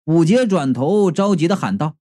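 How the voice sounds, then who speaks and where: A man narrating a comedic novel in the first person, telling the story in a lively, expressive way. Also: fairly high pitch, moderate pace. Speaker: audiobook narrator.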